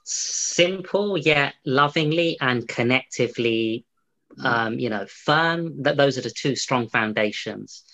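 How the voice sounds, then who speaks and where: A man's voice: medium pitch, expressive, slow pace, vocal fry, sharp tone, poor audio. Rambling male interview host. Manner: rambling, full of fillers and restarts. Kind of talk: hosted interview.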